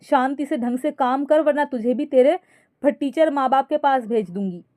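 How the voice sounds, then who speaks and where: A woman voicing a sharp-tongued middle-aged mother-in-law who talks in a scolding, bossy way in a spoken story. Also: high voice, moderate pace, no room sound, clean studio sound, voice pushed up, lightly acted.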